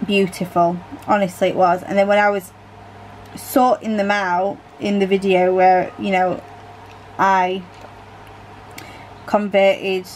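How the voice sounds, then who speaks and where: A woman's voice: mid-range voice, a little mellow, a little hiss or hum, poor audio. A British woman chatting casually about her diamond painting hobby as she works, rambling freely and correcting herself mid-thought with little asides. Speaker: crafting vlogger.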